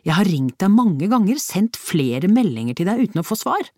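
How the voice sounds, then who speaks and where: A woman's voice: medium pitch, big pitch swings, dark tone, dry recording, clean studio sound, voice pushed up. A woman reading the lines of an angry, reproachful husband in an audiobook. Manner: reproachful, irritated. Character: angry worried husband, middle-aged man.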